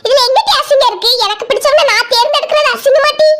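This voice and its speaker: A woman's voice: extremely high pitch, racing, a bit bright. Woman voicing a stubborn, earnest cartoon teen girl. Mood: defiant. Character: teenage girl, lovestruck, stubborn daughter.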